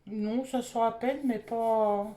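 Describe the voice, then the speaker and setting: A woman's voice: fairly high pitch, steady tone, takes it slowly, mellow. A married woman from France, casually reviewing beauty products she bought and thinking aloud with lots of fillers. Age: adult, married. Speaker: beauty vlogger.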